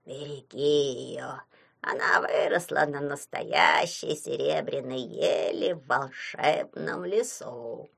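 Woman doing a low slow grumpy forest sprite. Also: gravelly, husky, exaggerated voice. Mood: grumbling.

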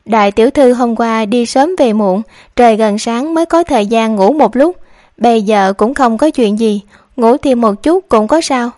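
A woman's voice: on the high side, normal speed, a little mellow, no room sound, studio quality, lightly acted. A woman voicing a timid, dutiful young maidservant who speaks in a flustered, polite way.

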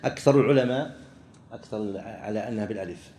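A man, a religious teacher explaining a legal text to students, halting and often restarting his words. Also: fairly low pitch, warm tone, a little hiss or hum. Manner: halting, with frequent restarts and pauses.

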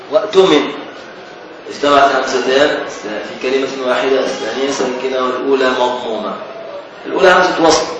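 A man with an Egyptian accent teaching a classical text as a sheikh, explaining slowly, repeating key words and questioning his students. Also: mid-range voice, muffled recording. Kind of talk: Islamic scholarly lesson. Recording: echoey distant recording with noise.

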